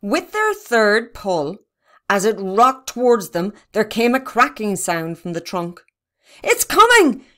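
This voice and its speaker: Woman, children's story narration, steady even delivery, middle-pitched voice. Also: a little slow. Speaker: reader.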